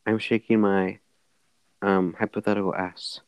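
A woman's voice: very deep voice, level tone, measured pace, darkish tone, dry recording. A teenage girl hosting a podcast in a bubbly, slangy way, laughing often. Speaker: podcast host. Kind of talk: casual chat.

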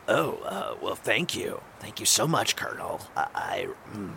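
A man doing a gravelly, low-voiced sly wizard. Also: huge pitch swings, measured pace, sharp tone, a little hiss or hum, exaggerated voice. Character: male wizard with a newly changed voice, sly. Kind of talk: voicing a tabletop game character.

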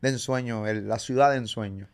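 A man's voice: medium pitch, fairly even intonation, a little fast. A man with a Puerto Rican accent hosting a casual interview, slangy and joking, firing off questions. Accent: Puerto Rican Spanish. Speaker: podcast host interviewer.

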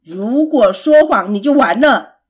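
A woman voicing a big, greedy, hungry male monster who speaks slowly and gruffly. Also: medium pitch, animated. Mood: angry. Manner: slow gruff demanding.

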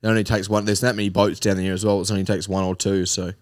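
A man's voice: deep voice, flat delivery, fast, no room sound. An Australian man chatting casually in a laid-back, blokey way full of slang. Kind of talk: casual chat.

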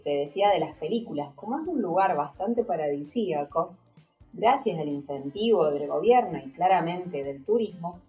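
An Argentine woman co-hosts a casual radio show in a relaxed, dark-toned voice. She is conversational and playful, talking straight to her partner over soft background music. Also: fairly low pitch, rough recording. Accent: Argentine, Córdoba. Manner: conversational, playful, addresses co-host directly. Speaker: radio co-host. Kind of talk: casual radio chat and presenting.

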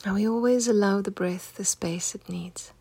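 A woman's mid-range voice, soft, husky and nearly whispered, leads listeners through a meditation with no echo. Her guidance is unhurried, gentle and calming.

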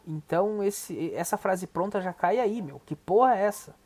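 A man's voice: high voice, moderate pace, a little mellow. A young adult Brazilian man is hosting a casual reaction podcast. He talks in long, rambling stretches, full of emphatic swearing and restarts. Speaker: podcast host.

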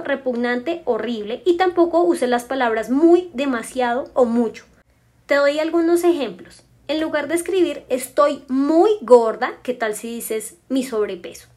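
High-voiced woman coaching her listener. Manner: gentle, coaching, speaks straight to the listener. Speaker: podcast host. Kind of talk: self-help podcast, guiding a written exercise.

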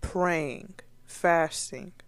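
A woman talks through a Bible lesson in an unhurried, deliberate way. Her voice sits fairly low, and she stays earnest and conversational, restarting her sentences now and then. The sound is close and dry, with no room around it. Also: no room sound. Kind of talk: casual Bible teaching to camera.

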